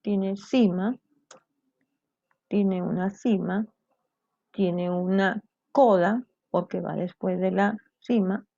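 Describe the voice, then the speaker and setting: A woman's voice: mid-range voice, fairly even intonation, slow, vocal fry, pauses often, warm tone, no room sound. A woman teaching a grammar lesson to students, explaining step by step and often checking in with them. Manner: explanatory, checks in with "¿cierto?" and "¿bien?". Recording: dull lo-fi sound.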